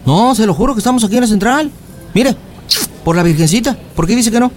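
A man's voice: high voice, expressive, quick pace, darkish tone. A man voicing a pleading young boyfriend in a radio prank call. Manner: pleading, swears oaths, wheedling.

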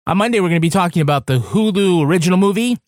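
A man's voice: sits high, expressive, rapid-fire, no room sound, clean studio sound. A man co-hosting a podcast, playful and jokey. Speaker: podcast co-host. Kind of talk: casual podcast chat.

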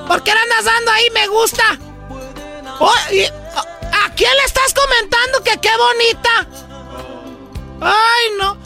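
A very high, gravelly-voiced Mexican housewife, played by a woman, nags and rants at her cheating husband. Her voice is bright and pushing. Sarcastic exasperation drives every line of this radio comedy bit. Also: unhurried, long pauses, faint music behind, heavily acted. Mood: exasperated. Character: jealous scolding Mexican housewife, middle-aged. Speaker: comedy sketch performer.

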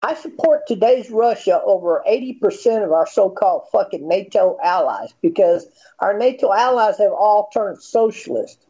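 A man in his fifties with an American accent and a high-pitched voice, arguing bluntly and swearing in a heated casual debate. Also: very animated, moderate pace, warm tone, highs cut off. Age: 50s. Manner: argumentative, blunt, profane.

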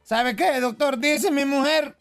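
A man's voice: very high-pitched, takes it slowly, creaky, soft background music. A man with a Salvadoran accent telling jokes on a radio show, acting out the characters' voices as he goes. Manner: animated storyteller, acts out voices of characters. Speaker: joke teller on radio show.

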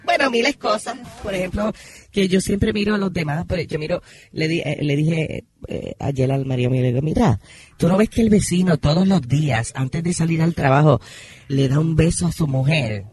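A man's voice: on the high side, animated, moderate pace, crowd noise, natural voice. A man playing a chatty, theatrical woman who hosts an advice segment in a comedy radio sketch, exclaiming often. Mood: gossipy. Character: brassy gossiping woman advice-segment hostess. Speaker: advice segment host character. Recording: music playing behind.

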